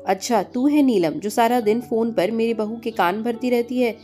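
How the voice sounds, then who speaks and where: A woman's voice: on the high side, moderate pace, warm tone, close to an everyday voice. A woman voicing a harsh, domineering middle-aged mother-in-law who taunts and scolds. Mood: scolding. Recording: faint music behind.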